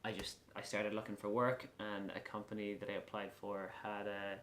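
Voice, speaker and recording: A man in his late twenties with a west of Ireland accent, answering casually in an interview with frequent pauses. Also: fairly low pitch, completely flat delivery, a bit bright. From Galway, west of Ireland. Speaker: lacrosse player being interviewed. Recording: echoey room with faint background noise.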